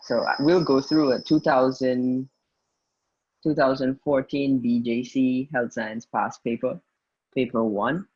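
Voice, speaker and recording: A man's voice: medium pitch, steady tone, unhurried, a little mellow, slightly rough, lo-fi sound. A man, tutoring students in an informal online session, speaking hesitantly and often restarting his sentences. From Guyana, raised in the Bahamas. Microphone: video call.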